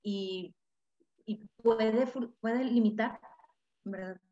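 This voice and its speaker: Lady talking parenting, highish voice, does little voices for the examples, echoey dull audio. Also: drawn-out words, mellow. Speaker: parenting guest expert. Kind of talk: explanatory interview talk.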